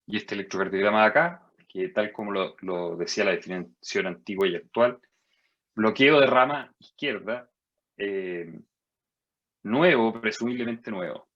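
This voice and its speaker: A man giving a medical lecture as a physician, measured and explanatory, jumping higher in pitch to stress key points. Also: a bit bright, dull audio. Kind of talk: medical lecture over slides.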